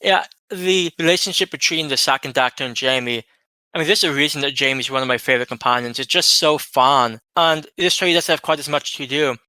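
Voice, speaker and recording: Measured male co-host with a bright, smooth, resonant voice. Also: mid-range voice, no echo. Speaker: podcast co-host. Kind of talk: casual chat.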